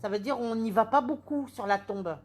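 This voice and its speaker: A woman working as a medium, giving a live reading with animated, questioning speech and a habit of repeating phrases. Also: fairly high pitch, moderate pace, a little hiss or hum.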